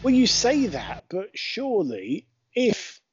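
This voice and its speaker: A man's voice: sits high, huge pitch swings, takes it slowly, dull audio, soft background music. A man casually chatting about wrestling footage as a podcast co-host, narrating what happens on screen. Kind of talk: casual wrestling watch-along chat.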